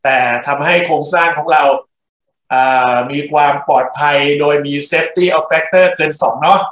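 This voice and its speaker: A man's voice: fairly high pitch, a little slow, a bit bright. A male engineering lecturer working through problems in class, speaking in short bursts and checking in with his students. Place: lecture room. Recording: echoey classroom.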